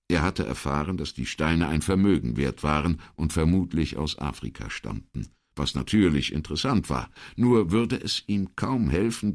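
A man narrating an audiobook in an extremely low, gravelly voice. His delivery is expressive and his pitch moves a lot. There is a husky edge throughout. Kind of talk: scripted narration.

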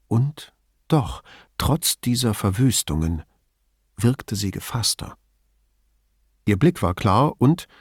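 A man narrating an audiobook in a measured, somber storytelling manner. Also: lowish voice, darkish tone, no room sound, studio quality.

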